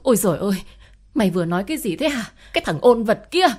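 A woman's voice: big pitch swings, fast talker, darkish tone. A woman voicing a frantic old grandmother who scolds a servant in alarm. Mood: shrill alarm. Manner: shrill, scolding.

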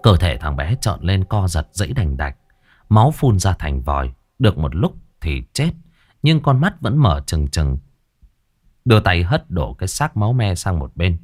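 A man narrating a horror story in a dramatic, expressive audiobook style. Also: low-pitched, moderate pace.

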